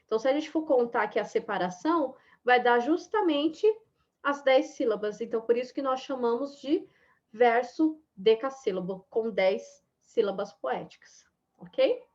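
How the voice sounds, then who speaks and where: A woman's voice: fairly high pitch, lively intonation, moderate pace, a little mellow. A woman teaching a lesson in a chatty, casual way, full of little fillers. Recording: dull lo-fi sound.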